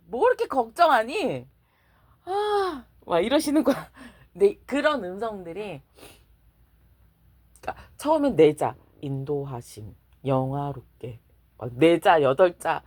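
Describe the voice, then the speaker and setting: A woman speaks as a church deaconess telling her faith story in a relaxed, conversational way. Her pitch rises and falls with lively expression, and she laughs easily as she acts out her prayers. The recording is dry, with no room echo. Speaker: church deaconess giving testimony. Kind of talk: casual personal faith testimony.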